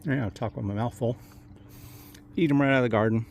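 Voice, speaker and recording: A man's voice: mid-range voice, a little fast, gravelly, a little hiss or hum. An older man giving a casual, meandering walkthrough of his backyard garden outdoors, speaking in an easygoing, plain-spoken way. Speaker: home gardener.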